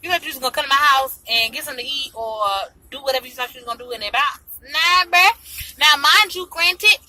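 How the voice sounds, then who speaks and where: A woman vlogging from inside a car, telling a personal story in slangy, sassy, animated casual speech, with a slight lisp from a tongue piercing. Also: high voice, quick pace. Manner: slangy, sassy, mimics others' remarks. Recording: noisy car interior in traffic.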